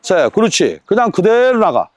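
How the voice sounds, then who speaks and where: A man coaching a tennis lesson on court, counting drills and firing quick rhetorical questions at his student. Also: sits high, huge pitch swings, darkish tone, no echo.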